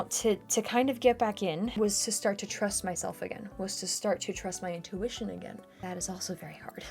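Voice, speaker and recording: A woman's voice: medium pitch, darkish tone. Chatty woman answering viewer questions. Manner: chatty, laughs often, restarts and repeats herself. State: shivering from cold. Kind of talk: casual chat.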